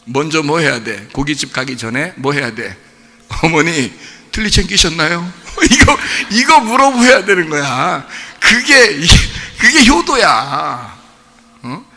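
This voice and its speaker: A male pastor giving a folksy, emphatic sermon, shouting and laughing to make his points. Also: a little high, very animated, slow pace. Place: church sanctuary. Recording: church hall reverb.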